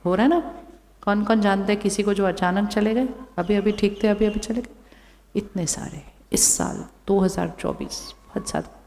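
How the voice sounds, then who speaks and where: A woman giving a calm spiritual talk to a live audience. She keeps asking the crowd questions and repeats her phrases. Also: medium pitch, moderate pace, a little hiss or hum. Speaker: spiritual speaker. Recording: long hall reverb.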